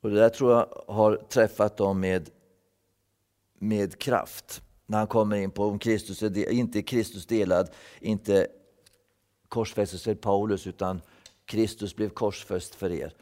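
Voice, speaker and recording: A man's voice: fairly low pitch, fairly even intonation, darkish tone, big-room sound. A man giving a thoughtful Bible-teaching sermon, repeating words as he explains. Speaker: preacher.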